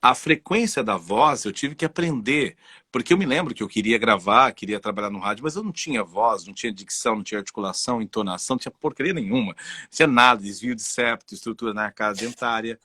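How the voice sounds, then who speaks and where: A Brazilian-accented man speaks as a guest in a relaxed interview, animated and personal as he tells stories. His voice is husky yet bright and forceful. The sound is dry and close. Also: fairly low pitch, fast, no room sound. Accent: Brazilian Portuguese. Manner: animated, personal storytelling with frequent "entendeu?". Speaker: guest voice and communication specialist. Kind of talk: casual conversational interview.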